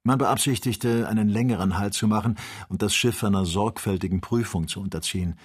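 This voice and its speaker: A man narrates a classic adventure novel in an even, measured reading. His voice sits low and carries a husky grain. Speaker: audiobook narrator. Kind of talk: scripted narration.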